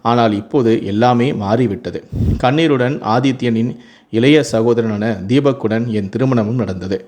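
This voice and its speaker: A man reading a first-person storybook tale in a steady, even narrating voice. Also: mid-range voice, normal speed.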